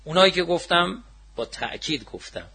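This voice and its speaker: A male preacher gives a conversational religious lecture, with a gravelly, slightly husky edge to his voice. His tone is bright and forceful. He often checks in with his listeners and drops from loud emphasis to near-whispered remarks. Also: a little high, very animated. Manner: swings between loud emphasis and hushed asides; asks listeners rhetorical check-in questions.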